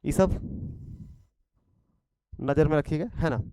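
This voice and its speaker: A man's voice: a little high, slow pace, dark tone, smooth, no room sound, rough recording. A man with a Khortha accent teaching an exam prep vocabulary lesson, repeating each point and checking in after it.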